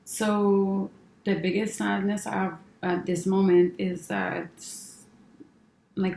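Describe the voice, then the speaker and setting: A woman client sharing something personal in a healing session, hesitant and subdued, halting between phrases. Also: fairly low pitch, vocal fry, dark tone. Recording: roomy echo.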